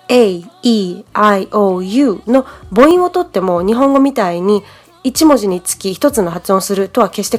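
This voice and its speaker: A woman from Japan hosting a podcast English lesson, explaining in a friendly, chatty way. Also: medium pitch. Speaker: English teacher, podcast host.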